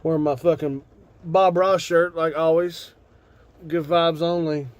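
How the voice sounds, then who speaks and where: A man's voice: on the high side, fairly even intonation, measured pace. An American man who sounds stoned, chatting in a laid-back, rambling stoner manner to his viewers with casual swearing. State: stoned on cannabis. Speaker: video host. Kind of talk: casual rambling vlog chat.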